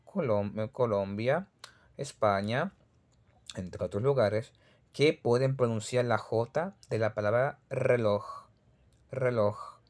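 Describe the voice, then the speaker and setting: A man with a Caribbean Spanish accent teaches pronunciation at an unhurried, deliberate pace. His voice sits at an ordinary middle pitch, and he repeats each example word patiently as he demonstrates it. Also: darkish tone. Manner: repeats sample words slowly, patient and demonstrative. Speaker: Russian language teacher. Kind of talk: pronunciation lesson.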